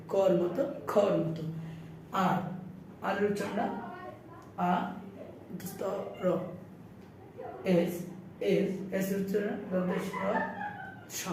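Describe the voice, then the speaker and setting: A man's voice: high-pitched, warm tone. A man teaching English letter sounds, repeating each one and checking in with his listeners. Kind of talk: spoken pronunciation lesson. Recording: echoey room, distant mic, faint noise.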